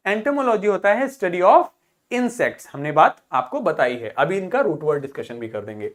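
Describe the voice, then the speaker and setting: A woman teaching a vocabulary lesson to students, explaining terms, asking check questions and repeating each word slowly for pronunciation practice. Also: on the low side, very animated. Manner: drills pronunciation by slow repetition; asks rhetorical check questions.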